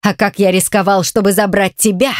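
A woman's voice: medium pitch, flat delivery, a little fast, no echo, studio quality, natural voice. A woman reading an audiobook voices a furious, brutal man who snarls threats and insults. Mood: menacing. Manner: snarling, menacing, shouting insults.

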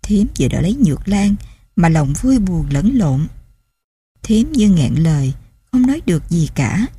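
A woman narrating a novel as an audiobook, in steady, emotive storytelling on a close mic. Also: fairly low pitch, measured pace, husky. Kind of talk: scripted narration.

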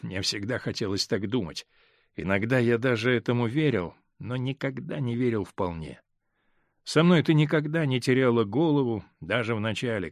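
A male reader voicing a hurt, stern middle-aged husband in an audiobook, speaking in a measured, grave way that holds back pain. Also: mid-range voice, no room sound, studio quality, lightly acted. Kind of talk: audiobook character reading.

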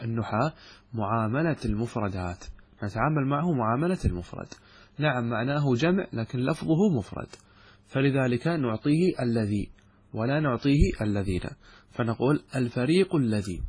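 A man teaching a lesson on Arabic grammar, explaining step by step, asking questions and answering them himself, and drawing out example words slowly. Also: mid-range voice, breathy edge, no room sound.

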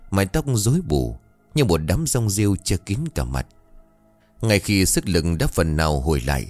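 Man, ghost story narrator, very low voice, lively intonation, dry recording, faint music. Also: no room sound. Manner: dramatic, expressive storytelling.

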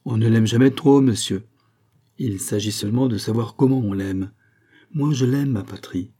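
Haughty queen, read by a man, imperious and reproachful, raised dark husky voice. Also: fairly low pitch, moderate pace, lightly acted. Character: proud haughty queen, woman, stern.

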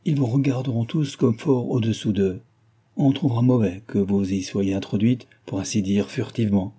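A stern, grave older advisor from a classic novel, issuing warnings, as a male reader brings him to life. His voice is dark and mellow with a husky edge. This is audiobook storytelling with measured authority. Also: lowish voice. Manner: grave, admonishing.

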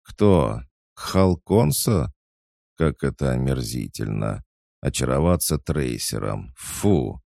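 A man's voice: very deep voice, big pitch swings, slow, creaky, dark tone, no echo, studio quality, pitched above the performer's own voice, full character voice. Man voicing a sneering creepy boy. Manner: mocking, sneering. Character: creepy taunting boy, a dream-haunting brother.

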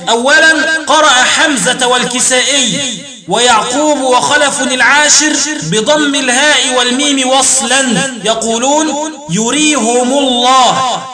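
A man teaching a methodical lesson on Quran readings, often checking in with his students and chanting each example slowly. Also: very high-pitched. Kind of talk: classroom lesson.

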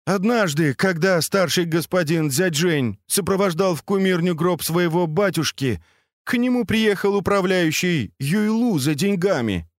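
A man's voice: sits high, animated, unhurried, dry recording, clean studio sound, pitched above the performer's own voice. A man reading aloud, voicing a terrified male servant who pleads and explains timidly. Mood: nervous.

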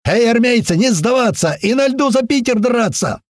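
A man voicing a loud, overjoyed young soldier around thirty who shouts with joy. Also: on the high side, huge pitch swings, fairly quick, breathy edge, no room sound, studio quality, pitched above the performer's own voice, heavily acted. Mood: excited shouting.

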